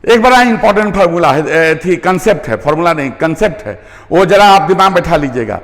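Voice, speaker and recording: A man's voice: a little high, lively intonation, fairly quick, fairly bright tone, big-room sound. A man teaching a physics lecture, repeating key terms and asking the class whether they follow. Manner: repeats key terms, checks understanding with questions.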